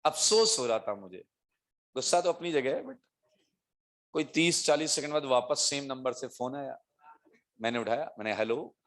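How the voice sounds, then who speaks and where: A middle-aged man teaching chemistry, telling a lively story to his students and laughing as he acts out the voices of the people in it. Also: mid-range voice, normal speed, long pauses.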